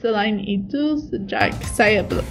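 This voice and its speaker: A woman's voice: medium pitch, slow, vocal fry, soft background music. A young woman, a student, gives a prepared testimonial as a learner of Indonesian. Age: young adult. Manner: foreign learner speaking Indonesian. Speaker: university student.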